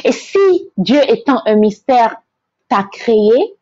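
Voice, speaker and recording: A woman speaks slowly and earnestly in a faith-based inspirational talk. Her voice sits fairly high and she often stumbles over repeated words. The recording is dry and slightly dull, like lo-fi audio. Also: a little mellow, no room sound. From Togo. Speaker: host, motivational speaker.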